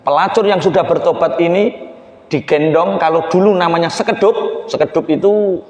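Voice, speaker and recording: Man, high voice, preacher telling a story, long reverb, booming hall. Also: normal speed, highs cut off. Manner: animated, acts out characters, swings to shouting. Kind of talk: Islamic sermon storytelling.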